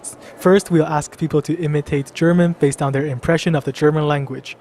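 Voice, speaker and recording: A young man hosts a casual vlog of street interviews. His voice is on the high side, with faint ambient noise behind it. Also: fairly even intonation, brisk, a little mellow. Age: young adult. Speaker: host interviewer.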